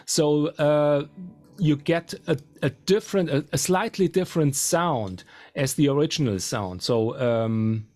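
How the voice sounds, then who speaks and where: A man explains guitar effect settings in a halting, unhurried way. His voice sits a little high for a man, and he takes his time over each point. Faint guitar plays behind him. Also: darkish tone. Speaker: guitarist demonstrating amp settings. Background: faint guitar playing.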